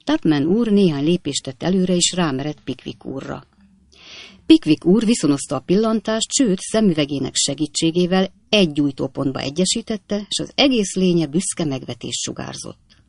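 A man narrating a classic novel in a measured, literary manner. His voice has a gravelly grain. The recording is dry and close, with no room sound. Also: fairly high pitch, no room sound. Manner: measured, even literary reading. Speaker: audiobook reader.

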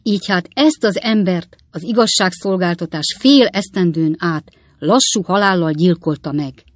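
A reader voicing an earnest, kindly elderly gentleman who exclaims in indignation, in an audiobook. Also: mid-range voice, no echo, clean studio sound, close to an everyday voice. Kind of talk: audiobook character reading.

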